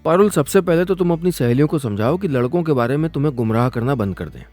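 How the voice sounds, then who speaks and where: A man's voice: on the high side, lively intonation, fast talker, darkish tone, soft background music, lightly acted. A man voicing a young boyfriend who pleads with growing exasperation. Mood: annoyed.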